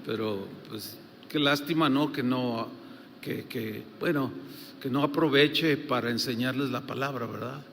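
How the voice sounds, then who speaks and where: A man's voice: mid-range voice, measured pace, vocal fry, fairly bright tone. An older man with a Mexican accent preaching a sermon as a pastor, telling stories in a conversational way with many fillers. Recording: long hall reverb, faint noise.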